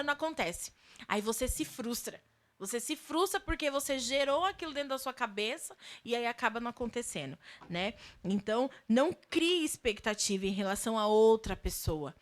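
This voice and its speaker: Uma mulher de sotaque brasileiro apresentando uma live de oração da igreja e dando conselhos passo a passo. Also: female voice, high-pitched. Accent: Brazilian Portuguese. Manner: warm advice-giving, lists steps. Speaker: church live prayer host. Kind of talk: church talk giving advice.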